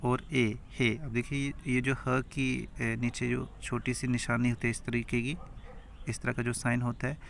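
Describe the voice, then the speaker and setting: Male teacher, gravelly, unhurried; spells out letters for learners, faint hiss and birds behind. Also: medium pitch, flat delivery. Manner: sounds out letters one by one, asks and answers his own questions. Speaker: Urdu script teacher. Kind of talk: slow spelling-out lesson.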